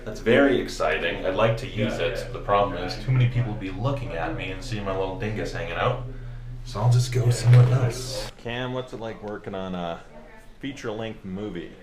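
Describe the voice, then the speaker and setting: A man's voice: lowish voice, fairly quick. A man chatting casually to his camera as an actor vlogging from a film set, joking and swearing as he rambles. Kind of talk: casual vlog chat to camera. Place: indoors, closet and hotel rooms on set. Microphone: action camera held by himself. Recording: echoey small rooms, busy crowd noise.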